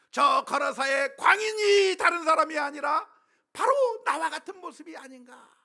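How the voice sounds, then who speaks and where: A male pastor with a very high voice preaches a sermon, shifting between quiet, hushed passages and loud, impassioned appeals built on rhetorical questions.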